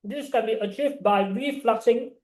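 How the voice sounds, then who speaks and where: A young man with a Malaysian accent tutoring online in informal, Singlish-like English full of local particles, animated and encouraging. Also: high-pitched, normal speed, echoey room. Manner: animated, encouraging, peppering talk with "right" and "ah". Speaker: chemistry tutor.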